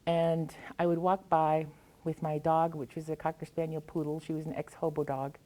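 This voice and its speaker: Low-pitched and warm, this American woman's voice has a flat delivery and moderate pace on a rough recording. A poet from the US Pacific Northwest, she reflects aloud, telling anecdotes and reading her work to an audience.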